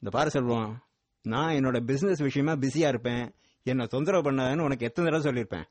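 A man plays a busy businessman father who is stern and curt, lecturing his family. His voice is dry and close, at an ordinary middle pitch. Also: fast talker, dry recording, lightly acted.

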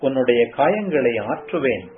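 A man's voice: medium pitch, lively intonation, natural voice. A man reading as the solemn voice of the Lord. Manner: slow solemn scripture reading. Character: solemn divine male voice of the Lord. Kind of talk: devotional scripture reading. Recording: tinny phone-like sound, faint music.

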